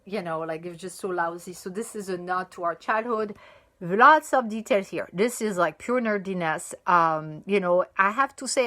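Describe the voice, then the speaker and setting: A woman from France with a French accent, a native French speaker, chatting casually as she reviews chocolate on video, thinking aloud with plenty of fillers and breaking into excited exclamations. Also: on the low side.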